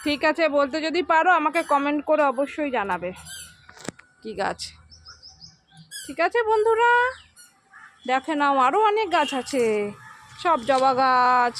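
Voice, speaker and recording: A woman's voice: high voice, lively intonation, a little slow, pauses often, fairly bright tone. A woman recording a casual home vlog on a phone outdoors, showing viewers around and often asking them to look and answer questions. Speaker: vlogger. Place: outdoors on a home rooftop garden. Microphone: handheld phone. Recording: handheld phone recording with clear background noise.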